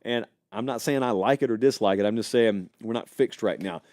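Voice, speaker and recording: Talking briskly in a fairly low voice, the host of a live college football talk show casually speculates and replies to viewers' live chat messages with animated energy. The studio-quality recording has no room sound.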